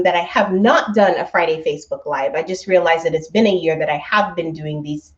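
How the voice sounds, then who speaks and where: Speaking from indoors at home through a laptop mic, this woman in her thirties runs a travel company's casual weekly live stream. Her voice sits on the low side and is slightly congested from allergies, and she chats cheerfully with viewers, laughing a lot. The recording sounds muffled.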